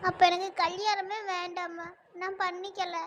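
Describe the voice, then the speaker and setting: A woman's voice: very high-pitched, flat delivery, moderate pace, fairly bright tone, a little hiss or hum. A woman voicing a tearful young village daughter in a cartoon who pleads with her mother. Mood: pleading. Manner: pleading, whiny. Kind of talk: cartoon dub acting.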